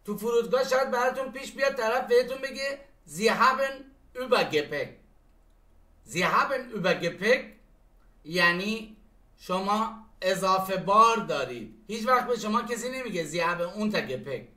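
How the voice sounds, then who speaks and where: A man teaching German phrases, who explains each one and repeats the German sentences slowly. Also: sits high, lively intonation, pushed and bright, reverberant. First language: Persian. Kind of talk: language lesson.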